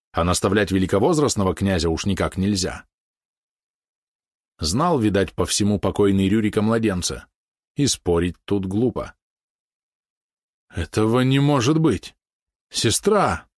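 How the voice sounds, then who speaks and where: A male audiobook narrator reading in an even, measured way. His voice sits low. The recording is dry and close. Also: no echo. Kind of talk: scripted narration.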